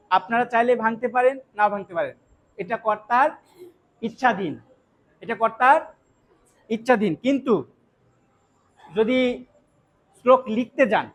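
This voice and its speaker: A man teaching how to pronounce scripture verses, explaining patiently and chanting lines slowly as examples, often checking that his listeners follow. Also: very high voice, poor audio. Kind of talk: devotional recitation lesson.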